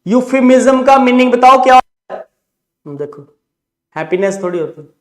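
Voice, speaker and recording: A man with a very high-pitched voice teaches grammar in an online exam-prep class, speaking with an Indian English accent. He moves between Hindi and English, keeps asking students whether they follow, and slows to a careful, drawn-out pace for each English example sentence. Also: animated.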